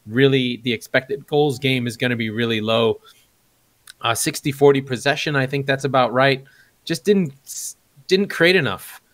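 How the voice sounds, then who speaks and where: A man's voice: mid-range voice, normal speed, fairly bright tone, no room sound. A middle-aged man with a mid-range voice breaks down a football match in a conversational, analytical way. He repeats phrases for emphasis, and the sound is close and dry. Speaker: football pundit and co-host. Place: indoors at home, video call.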